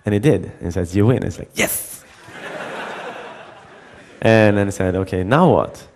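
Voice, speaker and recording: Low-voiced halting conference speaker, a man. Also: a little mellow, a little hiss or hum. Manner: halting, repeats words, acts out dialogue. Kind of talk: conference talk with anecdote.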